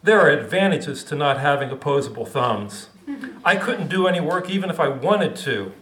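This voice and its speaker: A man's voice: a little high, lively intonation, moderate pace, a bit bright, echoey room, low-quality recording. A man voicing a tiny carefree male insect who talks in a breezy, slangy, defiant way.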